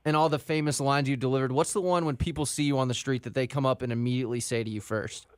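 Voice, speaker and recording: A man's voice: medium pitch, steady tone, fast talker, smooth, no room sound, clean studio sound. A young man co-hosting a radio show, speaking like an eager fan. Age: young adult. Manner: enthusiastic, fan-like. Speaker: radio co-host.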